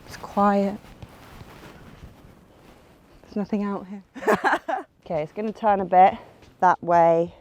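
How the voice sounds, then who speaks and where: Her mid-range voice is a little mellow and a little slow, with lively intonation. The young woman, a golf vlogger, gives casual running commentary on her own round outdoors, chatty and teasing herself as she works through each shot.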